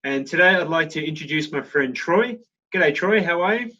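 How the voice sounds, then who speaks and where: A man's voice: on the high side, lively intonation, normal speed, pushed and bright, slight background noise. Chatty Australian man hosting a podcast. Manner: friendly, chatty, matey. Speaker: podcast host. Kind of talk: casual interview chat. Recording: dull lo-fi podcast audio.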